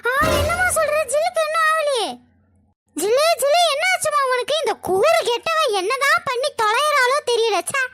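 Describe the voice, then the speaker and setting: A woman's voice: extremely high pitch, animated, moderate pace, pushed and bright, faint music behind, full character voice. A woman voicing a bossy older mother-in-law who scolds and nags. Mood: scolding. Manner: scolding, nagging.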